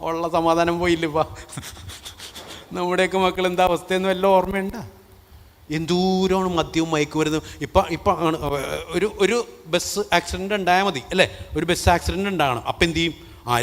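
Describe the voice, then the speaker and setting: A priest preaching a fervent sermon, often firing questions at the congregation and rising to passionate peaks. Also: male voice, fairly high pitch, long reverb tail. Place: church.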